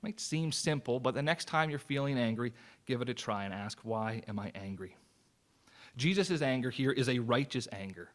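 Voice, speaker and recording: A man's voice: mid-range voice, lively intonation, brisk. A man preaching a sermon as associate pastor, in an earnest, conversational way with personal stories.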